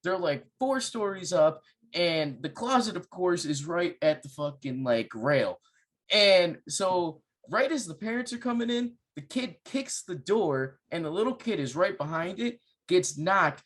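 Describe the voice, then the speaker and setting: A man's voice: sits high, a little slow. Profane young man ranting about a movie. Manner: profane, animated storytelling. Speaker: podcast host. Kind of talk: casual movie review chat.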